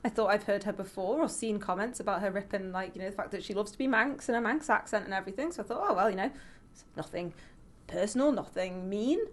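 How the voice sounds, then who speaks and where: A woman's voice: medium pitch, racing, hardly any pauses. Chatty woman podcast co-host. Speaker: podcast co-host and opinion writer. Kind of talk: casual chat and anecdotes.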